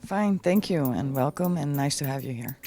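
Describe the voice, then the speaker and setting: A woman explains things in a measured, hesitant way as an airport executive being interviewed. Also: low-pitched, expressive, warm tone. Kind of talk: on-camera promotional interview. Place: airport VIP lounge. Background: music.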